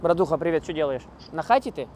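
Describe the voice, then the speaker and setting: A man's voice: a little high, animated, fast talker, darkish tone, a little hiss or hum. A young man hosting a vlog in casual, slangy, emphatic talk with swearing. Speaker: vlog host.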